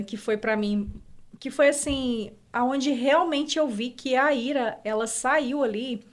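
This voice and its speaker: A woman with a slightly high voice tells a personal story as a guest. She speaks in a heartfelt way, with many fillers and restarts. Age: adult mother.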